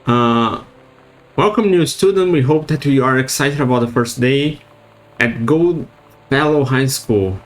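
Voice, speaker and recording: A male streamer chats casually while playing through a game. He reads notes aloud haltingly and trips over unfamiliar words. His voice sits at an ordinary middle pitch. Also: rough recording. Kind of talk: casual let's-play commentary.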